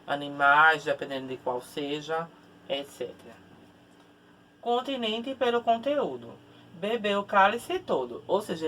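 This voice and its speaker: A male teacher explains grammar patiently, checking in with a quick tag question after each point. He sounds set back from the mic. A faint hiss of noise sits behind his voice. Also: fairly high pitch, fairly bright tone, distant mic. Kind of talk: recorded grammar lesson.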